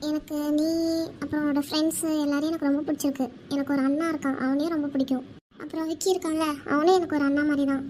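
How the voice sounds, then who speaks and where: A woman voicing a young woman in love in a cartoon, who speaks softly and hesitantly. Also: high voice, flat delivery, very fast, slight background noise, close to an everyday voice. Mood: worried. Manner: soft, hesitant speech. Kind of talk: cartoon voice acting.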